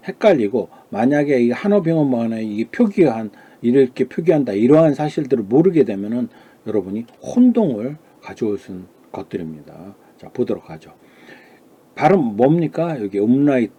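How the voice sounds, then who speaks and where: A man's voice: medium pitch, dark tone, breathy edge. A man giving a classroom lecture on Chinese pronunciation. He asks questions and answers them himself, and he sounds out model syllables.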